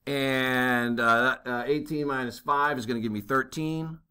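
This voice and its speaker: Talking over his writing, a male navigation instructor works through a calculation in a worked-problem lesson. His smooth, medium-pitched voice keeps fairly even intonation while sounding bright and slightly tense, and he thinks aloud with many fillers and quick "okay?" checks.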